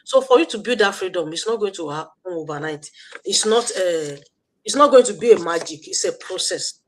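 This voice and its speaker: On a recording with slight background noise, a woman with a Nigerian accent hosts a live stream online, her voice on the low side, expressive, and a little fast. Her motivational talk has a preachy tone, with repeated points and plenty of fillers as she thinks aloud.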